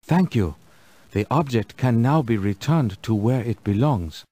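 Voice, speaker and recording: The acting is light: a medium-pitched male voice with lively intonation plays a kindly, dignified village elder in a children's educational game. He speaks formally and patiently in a measured, ceremonious way, and the mood stays gentle and solemn.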